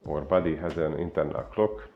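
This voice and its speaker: Very deep-voiced Hungarian man, gravelly. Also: steady tone, phone-quality sound. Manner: unhurried, many filler pauses. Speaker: fitness coach. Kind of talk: explainer talk to camera.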